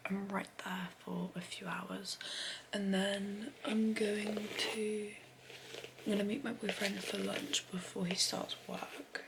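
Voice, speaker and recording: A young British woman whispers her way through a casual vlog, her hushed voice carrying a gravelly, fry-laden edge. She rambles in a friendly, chatty way, and a clear hiss of background noise sits under the recording. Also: medium pitch. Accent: British English. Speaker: vlogger. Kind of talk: whispered casual day-in-the-life chat. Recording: noisy home recording.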